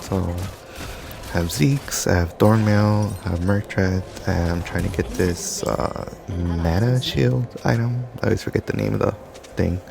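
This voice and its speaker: Over gameplay, a young man talks slowly in a fairly low, gravelly voice, wandering from one loose anecdote to another with plenty of filler words. He's a gaming commentator, and background noise runs beneath him.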